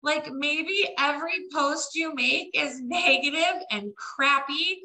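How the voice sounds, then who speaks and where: A woman's voice: sits high, takes it slowly, pushed and bright, low-quality recording. A woman on a panel over a video call, talking bluntly and with sass, laughing through her lines. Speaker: panelist consultant. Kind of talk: casual blunt panel talk. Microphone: video call webcam.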